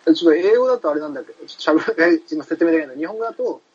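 A man rambles through his story in a loose podcast chat, piling up fillers and restarts. His voice sits a touch high and slightly husky. The recording sounds dull and lo-fi. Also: expressive, very fast, darkish tone. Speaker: podcast host recounting a trip. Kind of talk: casual chat.

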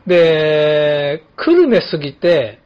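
A man's voice: on the high side, slow. A man in his late fifties from Kumamoto, hosting a casual chat and telling stories with many fillers. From Kumamoto, Japan. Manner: relaxed storytelling with many fillers. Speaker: podcast host, barber. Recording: slightly dull lo-fi audio.

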